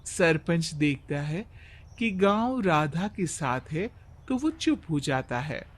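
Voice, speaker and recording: A man's voice: a little high, big pitch swings, slow. A man narrating a scripted moral story as its storyteller.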